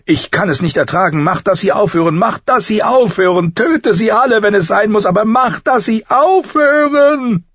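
A man voicing a grieving noblewoman and mother, frantic with fear, in high, shrill pleading cries. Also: slow pace, creaky, hardly any pauses, a little mellow, slightly rough, no echo, dull audio, heavily acted.

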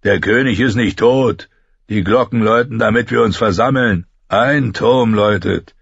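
Man voicing a gruff slow-talking fat man, scolding, low and husky, audiobook. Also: no echo, muffled recording.

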